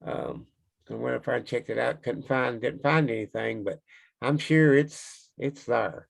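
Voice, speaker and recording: A man with an Eastern Kentucky accent talks as an interview guest. His mid-pitched voice has a gravelly creak, and he recounts things casually in a plain, folksy manner. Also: a little slow. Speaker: interview guest, Bigfoot researcher.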